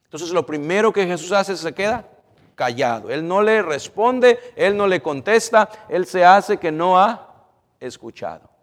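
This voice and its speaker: A man preaching a sermon, swinging between loud emphatic stretches and soft low ones, and asking the congregation questions. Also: expressive, unhurried, in a large hall.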